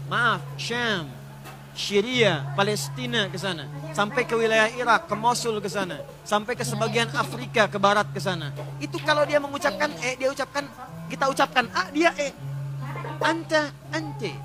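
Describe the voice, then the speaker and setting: A male preacher giving a lively storytelling sermon, now and then chanting verses slowly. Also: very high voice, music in the background. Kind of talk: Islamic sermon.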